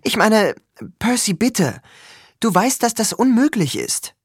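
A man voicing an urgent, bossy teenage girl in an audiobook, with raised, insistent lines that tip quickly into panic. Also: sits high, huge pitch swings, breathy edge, dry recording, studio quality, pitched above the performer's own voice, heavily acted. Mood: panicked. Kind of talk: audiobook character voice.

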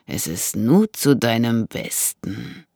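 Narrator putting on a slow, taunting menacing man. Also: mid-range voice, very animated, warm tone, no echo, clean studio sound. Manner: slow, taunting, drawn-out delivery. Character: threatening man with a knife, mocking and menacing.

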